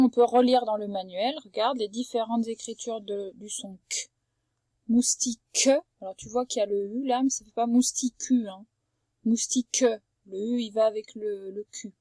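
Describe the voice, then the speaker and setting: A woman teaching a young child to read, patient and clear, slowly drawing out words so each sound can be heard. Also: on the high side, warm tone, no echo. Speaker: primary school teacher. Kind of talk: remote reading lesson for a young child. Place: at home.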